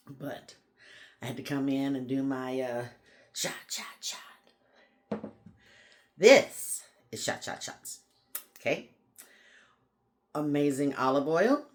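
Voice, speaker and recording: A homestead vlogger in casual, rambling chat to camera, folksy and friendly in phrasing and often saying y'all. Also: mid-range voice.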